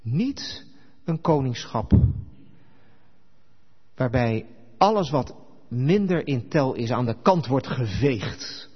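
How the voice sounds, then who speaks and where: Male pastor, husky tone, lively sermon, dull recording with long church reverb. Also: medium pitch, takes it slowly, long pauses. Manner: animated storytelling, acting out quoted dialogue. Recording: echoey hall, dull lo-fi sound.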